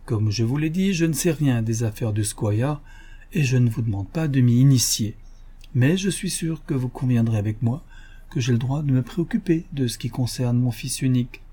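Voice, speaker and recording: A man's voice: medium pitch, moderate pace, dark tone, breathy edge, natural voice. A man voicing a haughty, scheming aristocratic mother who talks in a sugary, insistent, lofty tone, reading an audiobook novel. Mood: pleading, wheedling.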